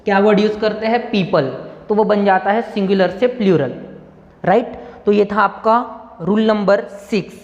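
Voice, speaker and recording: A man's voice: high-pitched, steady tone, normal speed. A man from India teaching English grammar in Hindi, spelling words out letter by letter and repeating key points for his students. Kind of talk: Hindi-medium grammar lesson. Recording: echoey room, dull lo-fi sound.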